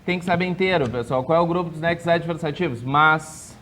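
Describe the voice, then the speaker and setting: A man teaching a grammar lesson for an exam, drilling rules with quick yes-or-no questions and drawing out key words slowly. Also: on the high side, fairly bright tone, a little hiss or hum.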